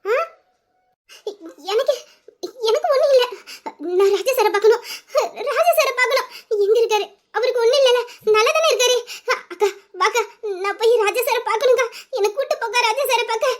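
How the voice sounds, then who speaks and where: A frantic, tearful young woman, voiced by a woman in an audio drama, pleading over and over in a very high, thin voice. She sounds insistent and close to crying. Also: brisk, pauses often. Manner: pleading, insistent, near tears. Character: young woman, frantic and tearful, desperate to see her love. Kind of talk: Tamil audio drama acting.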